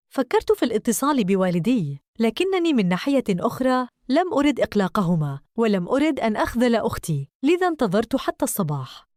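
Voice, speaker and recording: Expressive woman telling a story. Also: fairly high pitch, no echo, studio quality. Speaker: narrator. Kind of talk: first-person story narration.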